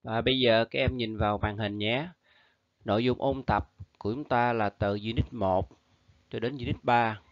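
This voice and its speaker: A man teaching an English review lesson to schoolchildren, reading the options out slowly and patiently, with a Vietnamese accent. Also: mid-range voice, fairly even intonation, dry recording, highs cut off. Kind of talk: recorded lesson for pupils.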